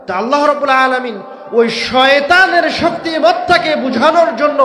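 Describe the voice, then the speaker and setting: A man preaching a waz sermon, swinging between shouted emphasis and low drawn-out words, with rhetorical questions to the crowd. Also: reverberant, a little hiss or hum. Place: large outdoor religious gathering.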